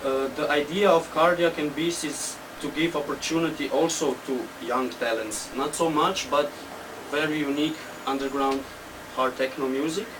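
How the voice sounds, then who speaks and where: A young Slovenian techno DJ and producer answers interview questions casually in English with a Slovenian accent, using simple words and halting as he goes. His voice is fairly high and steady in tone. He's recorded at a distance under loud background noise.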